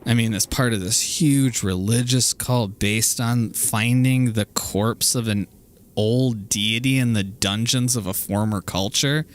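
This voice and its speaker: A man's voice: mid-range voice, measured pace. A man giving casual, rambling commentary as he streams a video game, wry and musing, trailing off mid-thought.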